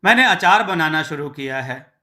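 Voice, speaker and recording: A man's voice: on the high side, lively intonation, normal speed, sharp tone. Chanchal, a man voicing a cheerful village farmer. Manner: playful, teasing banter.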